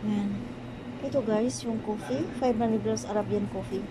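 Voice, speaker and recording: A woman's voice: medium pitch, fairly even intonation, moderate pace. A Filipino woman vlogging casually on a phone inside a coffee and date shop, chatting to her viewers with a lot of repeated filler words. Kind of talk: casual shopping vlog. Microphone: handheld phone camera. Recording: phone audio with shop noise.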